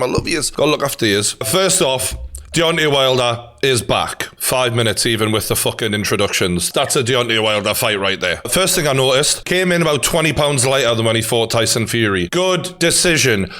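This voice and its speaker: A man's voice: medium pitch, pushed and bright. Man, Newcastle accent, casual reaction commentary, blunt, opinionated, matey, swears freely. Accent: Newcastle Geordie. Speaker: YouTube host and boxing commentator.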